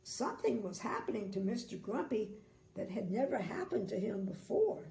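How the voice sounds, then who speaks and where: A sweet, gentle older woman reads a storybook aloud to small children, unhurried, with little asides, in an echoey room. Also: medium pitch, very animated, creaky. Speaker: grandmother reading bedtime stories. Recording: echoey room, faint background noise.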